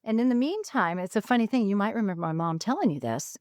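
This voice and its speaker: A woman's voice: mid-range voice, big pitch swings, fast talker, a little mellow, no room sound, clean studio sound. A woman in her sixties from California, telling family stories in a chatty podcast conversation, often laughing and restarting her sentences. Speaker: podcast guest. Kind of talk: casual storytelling conversation.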